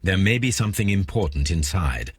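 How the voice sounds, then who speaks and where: Calm old-timey game detective, real deep and husky, measured. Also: male voice, full character voice. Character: calm Victorian male detective. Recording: dry studio game voice.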